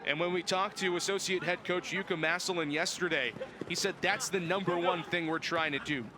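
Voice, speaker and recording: A sports announcer and host in his early twenties calls live play-by-play and opens shows in a polished, emphatic broadcast manner. His high-pitched voice runs a little fast with fairly even intonation, and the background is noisy.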